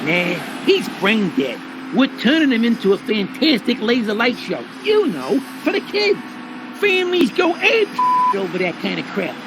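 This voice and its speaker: A man's voice: extremely high pitch, huge pitch swings, unhurried, noisy background, full character voice. A man voicing a small, cocky, foul-mouthed rat hustler in a cartoon video game. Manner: cocky, gruff slangy talk.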